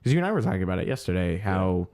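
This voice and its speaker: Rapid-fire and deep, with big pitch swings and a slightly mellow tone, this man co-hosts a casual podcast covering music news. He's hesitant despite the speed, using lots of ums and trailing off mid-sentence as he searches for words.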